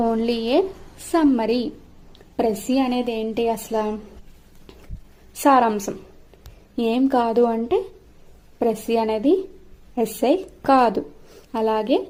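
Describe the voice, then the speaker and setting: A woman teaching an exam-prep lesson. She reads each English definition out slowly, then explains it in her own words. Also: a little high, warm tone.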